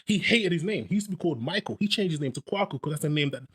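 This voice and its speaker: Fast animated man, husky voice. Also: on the high side. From Ghanaian heritage. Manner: animated, fast, laughs while talking. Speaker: podcast co-host. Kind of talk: casual chat.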